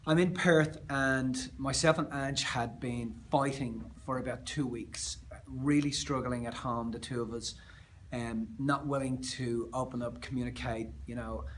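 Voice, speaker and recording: An Australian man speaking as a motivational speaker, telling a personal story in an earnest, emphatic way that often trails off softer. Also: mid-range voice, fairly even intonation, unhurried, slight background noise.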